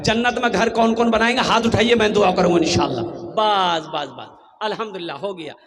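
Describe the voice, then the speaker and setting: A man preaching a fervent sermon at a mosque gathering. He exhorts the listeners, calls on them to answer back, and rises into shouted emphasis. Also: high-pitched, quick pace. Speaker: Islamic preacher. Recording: live event with crowd behind.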